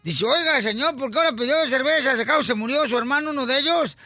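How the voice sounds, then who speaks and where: A man's voice: extremely high pitch, quick pace, sharp tone, no echo. A man hosting a comedic morning radio show, joking and teasing callers.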